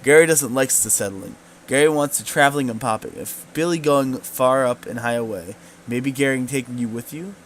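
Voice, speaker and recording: An excitable little goblin chatters in broken, childlike grammar, repeating words and phrases eagerly, as a man puts him on. He is a game character, pitched at an ordinary middle height, and talks loud and lively. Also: normal speed, few pauses, a little hiss or hum, lightly acted.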